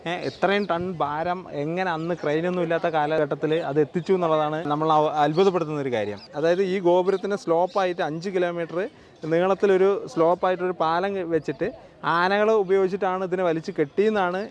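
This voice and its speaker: Fast-talking Malayali man, outdoors. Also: sits high, fairly even intonation, muffled recording. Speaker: co-host of travel vlog. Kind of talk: casual chat. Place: outdoors at a temple.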